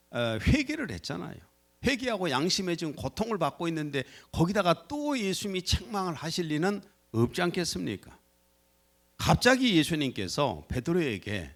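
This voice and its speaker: Animated Korean pastor preaching. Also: male voice, vocal fry. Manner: animated, acts out quoted lines with shifts in pitch and loudness. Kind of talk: sermon. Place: church sanctuary.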